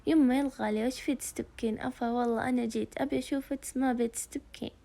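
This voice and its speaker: A woman's voice: fairly high pitch, fairly even intonation, rapid-fire, vocal fry, warm tone. A woman voicing a lovesick, playful young man who is tender with his family. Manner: affectionate, teasing.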